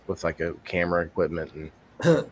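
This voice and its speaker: A man's voice: sits low, big pitch swings, brisk, a little hiss or hum. A man hosting a casual livestream podcast, explaining things in a rambling way and often correcting himself. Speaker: podcast host.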